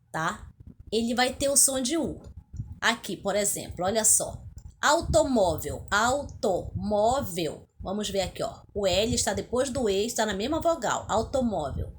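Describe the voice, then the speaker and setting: A Brazilian woman teaching a recorded spelling lesson for children, in an affectionate sing-song classroom manner that stretches example words slowly and calls them out. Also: mid-range voice, a little hiss or hum. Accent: Brazilian Portuguese.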